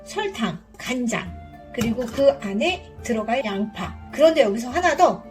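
A woman with a fairly high voice casually walks viewers through her cooking step by step. She is polite and chatty, speaking to them directly, with music clearly playing behind her. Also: expressive, normal speed. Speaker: cooking vlogger.

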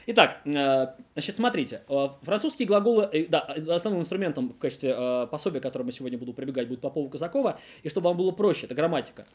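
A man teaching a French grammar lesson on video, talking in an animated, digressive way with many filler sounds and restarts. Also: mid-range voice.

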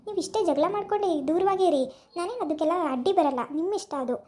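A woman's voice: extremely high pitch, lively intonation, fast, dark tone. A woman playing a caring young wife who scolds and presses a friend to make peace, asking question after question, in an amateur village drama. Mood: earnest.

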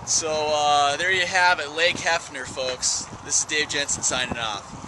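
A man's voice: a little high, measured pace. Young man hamming up a mock news sign-off. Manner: jokey, mock-formal sign-offs. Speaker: vlog host. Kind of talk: mock news-anchor travel vlog. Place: outdoors and in restaurants on a road trip. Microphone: handheld camera mic. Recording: outdoor camera audio with wind noise.

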